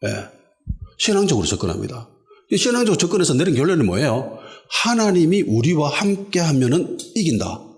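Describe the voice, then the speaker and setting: A man, preaching an expository sermon as pastor, emphatic and animated, repeating lines for stress. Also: on the high side, brisk. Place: church in a basement hall.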